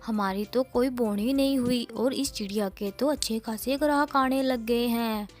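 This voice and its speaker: A woman's voice: fairly high pitch, normal speed, faint music behind, natural voice. Jaggu, a woman doing a bullying male crow. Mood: scheming. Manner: blustering, threatening.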